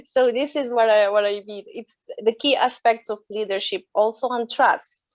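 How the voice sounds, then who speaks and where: A woman's voice: on the high side, fairly even intonation, moderate pace, no echo. French-accented woman, muffled call audio. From Morocco. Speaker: webinar guest. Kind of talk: earnest panel talk.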